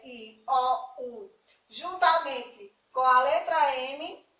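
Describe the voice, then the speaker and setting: A woman's voice: sits high, a bit bright. A young woman from Brazil teaching a recorded lesson to children, patient, asking questions and answering them herself. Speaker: primary school teacher. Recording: echoey room, voice a little far from the mic.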